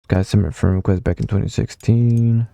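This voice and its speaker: A young adult man, about nineteen, gives casual reminiscing commentary for his gaming channel as he revisits old console messages, rambling with many fillers and a swear here and there. His lowish voice is creaky and mellow, fairly even in intonation, and fairly quick. The recording is dry.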